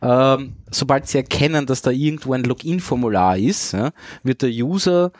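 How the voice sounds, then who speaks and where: A man's voice: mid-range voice, normal speed, no room sound. Man, dry close sound. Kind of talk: casual tech chat.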